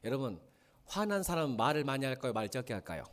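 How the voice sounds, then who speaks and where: A middle-aged man preaching a sermon as pastor, asking the congregation questions and swinging from soft asides to loud emphatic lines. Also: mid-range voice, racing. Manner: animated, questions the congregation and answers himself.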